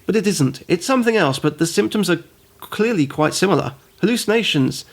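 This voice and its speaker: Male host, gravelly voice, slightly high, dry sarcastic review narration with tangents. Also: lively intonation, a little fast. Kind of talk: comedic game review narration.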